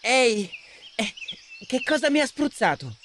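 A man's voice: high-pitched, very animated, brisk, slight background noise, voice pushed up. A man voicing a nervous, cautious young boy who stammers defensively in an audiobook.

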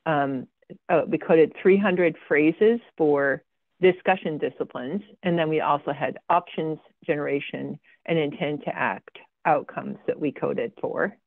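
A guest speaker presents her research over slides, speaking in a low, unhurried voice with vocal fry. She says "um" often and adds dry, sarcastic asides. The audio is tinny like a phone or video call, and dry with no room sound.

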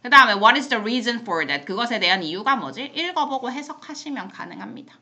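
A woman teaching an English lesson in a classroom, explaining phrases in Korean and reading example sentences slowly, with blunt, playful asides to her students. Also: a little high, animated, pushed and bright.

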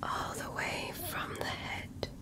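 Playing a gentle alien doing a medical exam, a woman whispers softly in this ASMR roleplay, keeping her words slow, close, and comforting.

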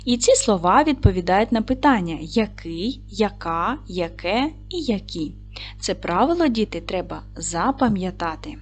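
A woman teaching a video lesson to young children, slow, patient and encouraging, reading word lists with a Ukrainian accent. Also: medium pitch, very animated, soft background music. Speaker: primary school teacher.

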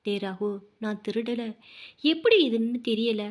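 A woman's voice: fairly high pitch, animated, a little slow. A woman reading as a tearful pleading old grandmother.

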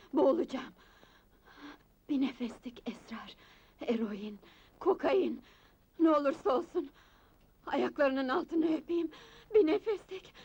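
A woman's voice: high voice, a little mellow, lo-fi sound. An actress playing a desperate young woman addict who begs, sobs and screams in a 1980s film drama. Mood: begging, sobbing. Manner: pleading, sobbing, screaming. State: crying. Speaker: film character. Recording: old film soundtrack with music.

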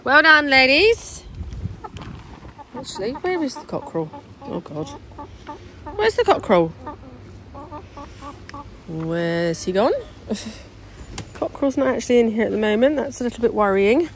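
Walking through a garden building site with a handheld phone camera, a woman vlogs casually about renovating her home, chatty and thinking out loud. Her fairly high, fairly bright voice is very animated yet unhurried, with frequent pauses, and the recording quality is low.

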